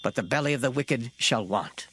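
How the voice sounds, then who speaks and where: Over loud background music, a reader gives a lightly acted, dramatized Bible reading in formal King James English, emphatic and solemn. The voice is mid-range and expressive at a moderate pace, with slight background noise.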